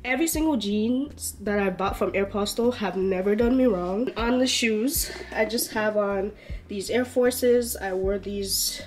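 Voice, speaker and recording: A woman's voice: medium pitch, a little slow, a little mellow. Congested young woman vlogging her outfit. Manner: chatty, upbeat, slangy. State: congested from a cold. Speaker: fashion vlogger. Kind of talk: casual outfit vlog.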